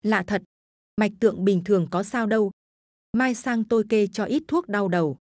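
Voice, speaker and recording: A woman's voice: mid-range voice, normal speed, darkish tone, no room sound, clean studio sound, lightly acted. A woman reading a puzzled village herb doctor.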